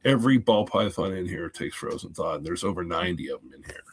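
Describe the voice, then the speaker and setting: A man's voice: low-pitched, fast talker, creaky, slight background noise. A man in his forties in casual podcast chat over a video call, enthusiastic and talkative. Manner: animated, enthusiastic about snake genetics.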